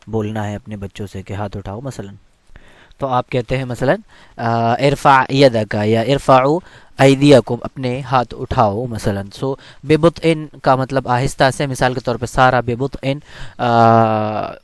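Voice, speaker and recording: A man's voice: mid-range voice, no room sound. A man teaching an Arabic text. He reads each line, then translates and explains it, with many hesitant fillers.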